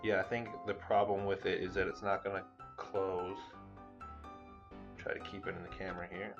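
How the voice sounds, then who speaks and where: Over music, a man with a low, fairly flat voice talks at a normal speed, the high frequencies cut off. He's cooking at home in a room strewn with cat hair, giving rambling, profane vlog commentary to his viewers.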